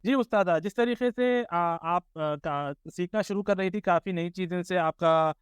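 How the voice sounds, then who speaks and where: Male podcast host, polite and hesitant interviewer, smooth voice, dry close sound. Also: sits high, dry recording. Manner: polite, hesitant questioning with many fillers. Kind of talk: interview questions.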